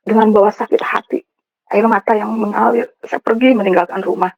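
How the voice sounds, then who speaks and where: A woman's voice: mid-range voice, fairly even intonation, brisk, gravelly, no room sound. A woman from West Java giving an emotional personal testimony to a congregation, often turning to address the listeners directly. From West Java (Sundanese). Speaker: church testimony speaker. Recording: dull, dry recording.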